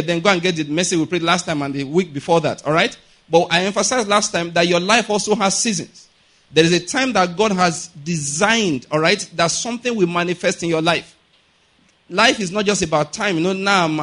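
A middle-aged Nigerian man preaches a teaching sermon built on everyday examples, going point by point with repetition and frequent rhetorical checks that listeners follow. His voice is high-pitched and a bit bright.

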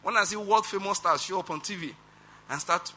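A man with a Nigerian accent preaching a sermon as pastor, animated and emphatic, with rhetorical questions and chuckles. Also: high voice, a little fast, a little hiss or hum.

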